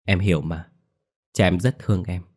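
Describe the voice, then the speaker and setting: A man's voice: sits low, steady tone, a little mellow. A man voicing a lovesick young village woman who pleads and scolds through tears. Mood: pleading. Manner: pleading, rising into quick upset outbursts.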